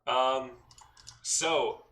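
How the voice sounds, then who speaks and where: A man running a tabletop game as game master, describing scenes in a halting, descriptive way. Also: medium pitch, steady tone, pushed and bright. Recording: echoey room, mic at a distance, faint noise.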